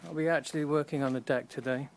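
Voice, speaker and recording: A man giving a relaxed, offhand walkthrough of his boat, pausing with the odd uh, recorded on a handheld camera in a shed and a small cabin. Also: fairly high pitch, a little hiss or hum, poor audio. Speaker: boat owner giving a tour. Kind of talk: casual walkthrough narration. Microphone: handheld camera or phone.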